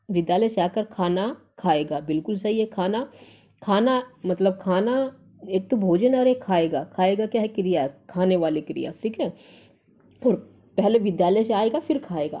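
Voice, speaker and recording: A Hindi teacher with a warm, lowish voice works through an exam answer key, reading each option aloud and then declaring it right or wrong. The audio sounds dull.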